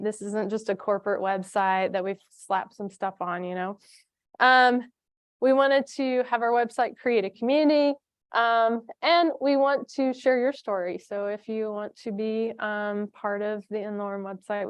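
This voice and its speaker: A nonprofit foundation staffer gives a conference presentation in a smooth, mid-range female voice, recorded dry. She talks chattily, using many fillers and restarting her sentences.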